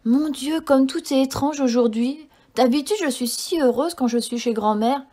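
A woman doing a bright, high little girl. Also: moderate pace. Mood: wondering. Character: sweet trusting little girl.

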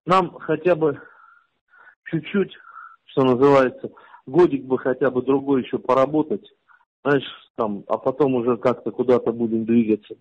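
A man's voice: medium pitch, moderate pace, a little mellow. A man on a recorded private phone call, often agreeing and talking through his worries. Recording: muffled leaked phone recording.

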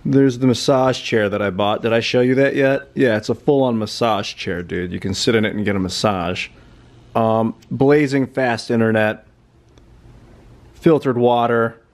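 A man in his thirties vlogging casually into a handheld camera, relaxed and reflective, rambling between thoughts. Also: medium pitch, moderate pace. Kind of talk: casual travel vlog. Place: airport and apartment. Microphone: handheld camera at arm's length. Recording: loud background noise.

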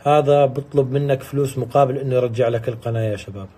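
A man's voice: medium pitch, steady tone, quick pace, dark tone, breathy edge. A man, a YouTuber, talking to his viewers in a vlog, upset and swearing oaths.

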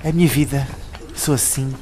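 A man's voice: medium pitch, fairly even intonation, brisk, a little mellow, soft background music. A man with a European Portuguese accent giving casual gameplay commentary, joking cheekily and talking back to the characters.

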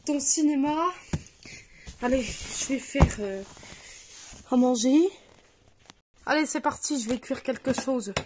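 A woman's voice: high voice, takes it slowly, long pauses, noisy background. Firm mother scolding her child. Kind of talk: casual family vlog. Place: family home indoors.

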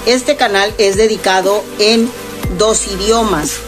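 A woman speaks to her viewers at an unhurried pace. Her pitch sits in a middle range, and her tone is earnest and inviting. Clear background music runs under her voice throughout. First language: Spanish. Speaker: paranormal vlogger. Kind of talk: casual vlog narration.

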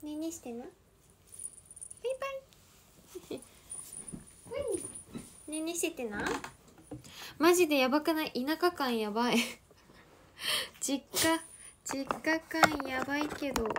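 A young woman hosting a casual livestream from her family home, chatting with viewers and cooing gently at her dogs. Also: sits high, a little slow, long pauses, slight background noise. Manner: chatty, reads out viewer comments and coos softly at her dogs. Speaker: livestream host.

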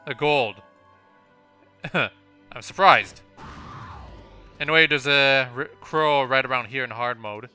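Bright-voiced man rambling over game music. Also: medium pitch, normal speed, few pauses, clean tone. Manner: rambling, self-correcting, frequent fillers and restarts. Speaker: let's play commentator. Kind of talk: casual gameplay commentary. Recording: game music playing behind.

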